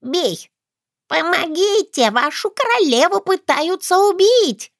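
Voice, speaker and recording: Frog queen, shrill and tearful, voiced by a woman narrator, dry close read. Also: big pitch swings, fairly bright tone, no echo, heavily acted. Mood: panicked. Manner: shrieking, drawn-out cries.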